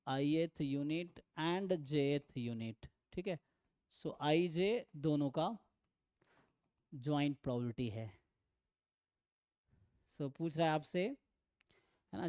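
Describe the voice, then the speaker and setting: A man with an Indian accent gives a statistics lesson in Hindi and English, talking slowly through the problems and reading each question aloud with care. His voice is mellow and smooth. The sound is dry and close to the mic. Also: a little high, no room sound. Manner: mixes Hindi and English, reads questions out slowly, repeats phrases with "है ना". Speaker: statistics teacher. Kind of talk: online exam-prep lecture solving past questions.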